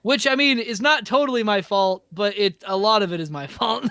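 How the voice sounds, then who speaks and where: High-voiced man rambling on a podcast. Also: moderate pace, bright, forceful tone, smooth, dry recording, clean studio sound. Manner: rambling storytelling with frequent laughs and self-corrections. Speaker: podcast co-host. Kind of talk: casual chat.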